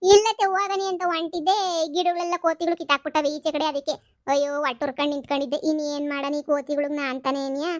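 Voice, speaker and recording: A woman's voice: high voice, little pitch movement, no room sound, clean studio sound, close to an everyday voice. A woman voicing a naive young village wife who frets and complains. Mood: pleading. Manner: rustic village dialect, complaining, drawn-out sighs.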